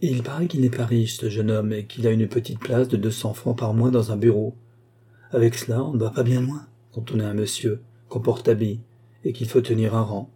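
A man's voice: mid-range voice, steady tone, brisk, warm tone, slightly rough, lightly acted. A man reading a chatty, naive young working girl. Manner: chatty, matter-of-fact recounting. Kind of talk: audiobook character reading.

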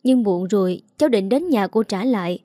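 A woman's voice: mid-range voice, animated, normal speed, dark tone, dry recording, studio quality, lightly acted. A woman voicing a young female model who pleads, stammers and sobs. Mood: pleading tearful.

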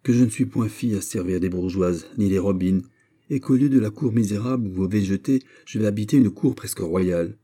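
A man voicing a proud, sharp-tongued young lady-in-waiting who answers back firmly in a storybook reading. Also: lowish voice, a little fast, slightly rough. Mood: defiant. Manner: firm, retorting.

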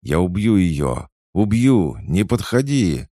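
A cruel bandit boss snarls threats and barks orders to his men, as a male audiobook reader puts him on. The voice stays deep and gravelly, pushed louder and higher than the reader's own. It is dry and close, with no room around it. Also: a little slow, no room sound, heavily acted. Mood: panicked. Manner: menacing and shouting orders.

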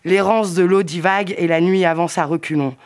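A speaker reading absurd, rambling poetic text, swinging between playful muttering and louder declaiming. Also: medium pitch, steady tone, a little fast. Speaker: participant reading on an event radio. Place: makeshift radio at a summer gathering.

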